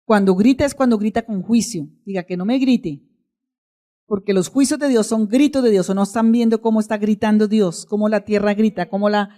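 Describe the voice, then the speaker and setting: Woman preaching, mellow warm voice, asks the church stuff then answers it herself. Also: medium pitch, brisk. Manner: questions the congregation and answers herself. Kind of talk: sermon.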